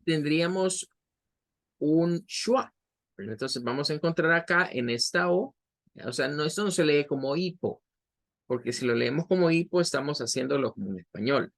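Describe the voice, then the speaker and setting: A man teaching English vocabulary to Spanish speakers, explaining slowly and patiently, spelling out words and repeating each syllable. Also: on the high side, lively intonation, creaky, a bit bright. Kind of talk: bilingual vocabulary lesson.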